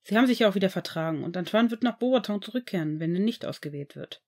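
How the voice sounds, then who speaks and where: A woman's voice: mid-range voice, animated, darkish tone, natural voice. A woman reading a shy teenage boy wizard. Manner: hesitant, halting and embarrassed.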